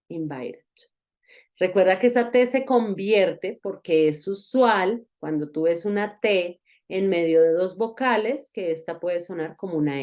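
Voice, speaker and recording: Slow, patient woman teaching a lesson. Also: on the low side, darkish tone. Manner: patient, explanatory, repeats example words slowly. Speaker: English teacher. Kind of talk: recorded online lesson.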